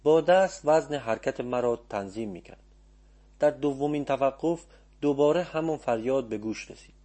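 A man narrating an audiobook in a calm, measured storytelling manner. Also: mid-range voice.

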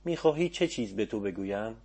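An old male sorcerer, watchful and calm, gives hushed orders, voiced by a male narrator. The voice is mellow and slightly husky. It is quiet and firm, in an audiobook reading. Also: on the low side. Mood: dry.

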